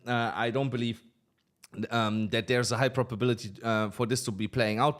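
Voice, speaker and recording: Guy going over crypto charts, lots of ums and uhs, kinda tired and under the weather, mid-pitch voice. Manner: hesitant, many fillers, slightly non-native phrasing. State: a little unwell, low on energy. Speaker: crypto market analyst host. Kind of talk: casual chart analysis talk.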